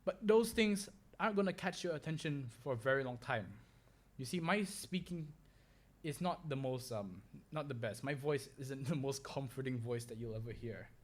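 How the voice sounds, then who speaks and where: A man's voice: medium pitch, expressive, moderate pace. A young man hosting a solo podcast, rambling with fillers and restarts as he talks. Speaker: podcast host.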